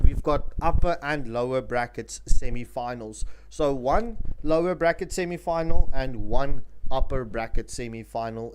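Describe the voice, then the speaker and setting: A man giving live esports commentary in an animated, chatty way, repeating himself for emphasis. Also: fairly high pitch. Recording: noisy stream mic with clicks.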